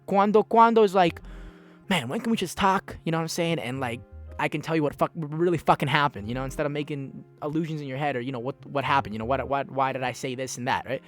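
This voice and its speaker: Soft background music plays as this young podcast host, Dominican and Peruvian by background, talks fast in a high-leaning voice. He rambles loosely on his solo show, often restarting sentences and cursing.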